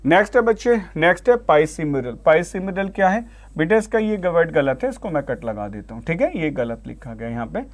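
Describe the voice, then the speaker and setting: An Indian man with a somewhat high voice teaches an online vocabulary class. He reads each English example sentence out slowly, then explains it, calling his students "beta" along the way. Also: lively intonation. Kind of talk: vocabulary lesson.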